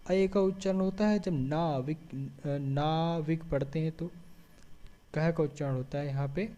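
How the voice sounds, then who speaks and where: Working step by step through a board-style grammar lesson, a man poses questions and answers them himself, often checking in with short words. His voice sits a little high yet sounds mellow and warm.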